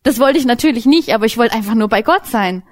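A young woman giving an informal sermon as a Bible teacher, lively and casual, speaking directly to her listeners. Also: fairly high pitch, fast talker.

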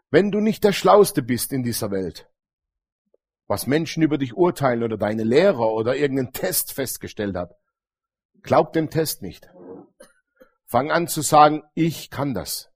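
This middle-aged man's voice is slightly rough and on the high side as he delivers an animated, story-driven sermon. Calls of "Amen" to the congregation come often.

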